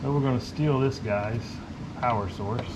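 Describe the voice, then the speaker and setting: A man's voice: mid-range voice, normal speed, highs cut off. A middle-aged man chatting casually and wryly while he unboxes and sets up a model building in his garage and train room. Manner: chatty, wry, chuckling asides. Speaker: model railroad hobbyist, co-host. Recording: noisy home video audio.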